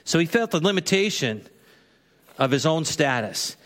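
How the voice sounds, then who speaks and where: In a church sanctuary with long hall reverb, a male pastor delivers a conversational sermon, sometimes voicing the people he quotes. He speaks at a normal speed in a slightly high, somewhat bright voice with big pitch swings.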